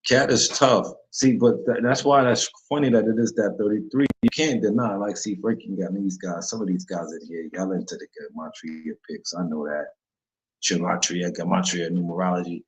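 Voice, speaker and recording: A man's voice: sits low, steady tone, normal speed, hardly any pauses. A man hosting a casual solo sports betting talk show, rambling in slang and often correcting himself. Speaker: sports betting podcast host. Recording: dull lo-fi recording.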